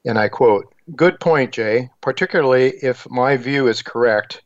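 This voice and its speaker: A man hosting a financial radio show, delivering a partly scripted monologue in a halting way, repeating words. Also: medium pitch. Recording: dull lo-fi radio audio.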